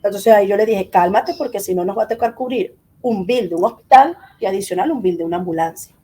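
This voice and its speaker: Husky woman telling a story. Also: mid-range voice, fast talker. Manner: animated, acts out quoted dialogue. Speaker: interview guest. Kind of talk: personal storytelling in an interview.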